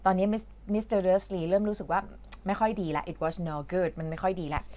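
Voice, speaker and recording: A woman's voice: on the low side, moderate pace, mellow. A woman from Thailand who teaches English, patiently explaining a reading lesson in a chatty way with lots of fillers.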